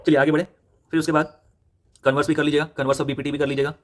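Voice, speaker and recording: A young Indian man rattles through a maths textbook lesson at a breakneck pace, telling students which questions to do. His voice sits a little high, and he keeps repeating himself and correcting slips. The delivery is brisk and directive throughout. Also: level tone, slight background noise. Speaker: maths tutor. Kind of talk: fast textbook walkthrough lesson.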